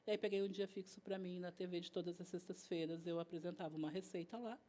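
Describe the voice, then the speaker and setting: Fast and mellow, with a fairly low, steady voice, this female guest chef tells chatty stories in a casual interview. Her accent is southern Brazilian Portuguese, and she recreates events by performing bits of dialogue.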